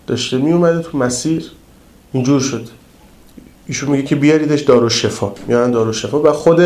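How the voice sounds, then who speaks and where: A man preaching to pilgrims, telling a story in a lively, colloquial way. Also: mid-range voice, reverberant. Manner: colloquial, lively retelling of an anecdote. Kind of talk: storytelling sermon in casual speech.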